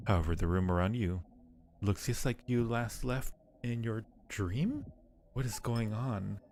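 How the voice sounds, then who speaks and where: With a lowish, slightly mellow voice and lively intonation, this man speaks at a measured pace. He's livestreaming a horror game with game music behind him, playfully chatting to viewers, muttering, and reading on-screen text aloud.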